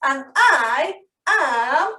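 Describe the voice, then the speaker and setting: A woman gives voice to a small magical fish that speaks slowly and deliberately in a storybook. The voice is high, and the sound is roomy and distant. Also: very animated, bright, forceful tone, full character voice. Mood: wondrous. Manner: slow and deliberate.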